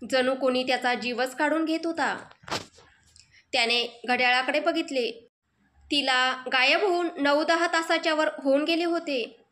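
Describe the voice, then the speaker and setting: A woman storyteller giving an emotive, dramatic, scripted narration of a romantic story. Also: sits high.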